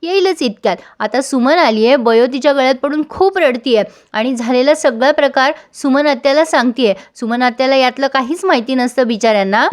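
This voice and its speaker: High-voiced woman recapping a TV serial. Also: fairly quick, few pauses. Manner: chatty, addresses viewers directly. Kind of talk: casual retelling of a TV serial episode.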